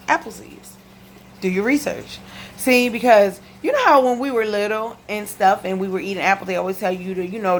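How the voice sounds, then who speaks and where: In a home video shot in her living room, a woman with a lisp and a medium-pitched voice tells viewers about her health in casual, emphatic direct-to-camera chat, repeating key points. Slight background noise is present.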